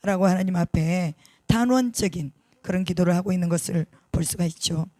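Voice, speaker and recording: High-voiced emphatic preacher man. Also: brisk, darkish tone, no echo, studio quality. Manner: emphatic, asks the congregation rhetorical questions; repeats key words for stress. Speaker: pastor. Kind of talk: sermon.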